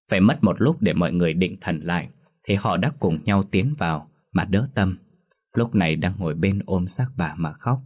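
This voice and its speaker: A man narrating a scripted ghost story in a steady storytelling manner. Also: low voice.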